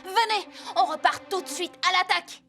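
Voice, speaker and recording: A woman voicing an impulsive, brave child superhero in a French animated series, eager and urgent. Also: very high-pitched, moderate pace, vocal fry, faint music behind, heavily acted. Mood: determined.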